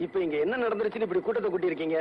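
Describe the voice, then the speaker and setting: A man's voice: high voice, racing, slight background noise, lightly acted. An actor playing a blunt young village man who stands up to his elder firmly. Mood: defiant. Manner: firm, defiant, commanding. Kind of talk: 1980s film drama acting. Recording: dull old film soundtrack.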